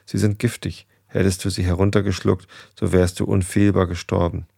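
A wise old lead goose from a storybook gives firm warnings, read by a man with a deep voice. The voice is low and gravelly, with a rather dark tone. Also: level tone, moderate pace, dry recording, clean studio sound, heavily acted. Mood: stern.

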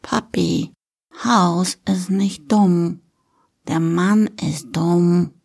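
A small, earnest girl who drags her words out slowly and insists on her point. Her voice is husky, gravelly and dark, with a woman acting her out. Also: fairly low pitch, steady tone, heavily acted. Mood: insistent. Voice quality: slow, drawn-out childlike speech. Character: little girl, earnest and stubborn.

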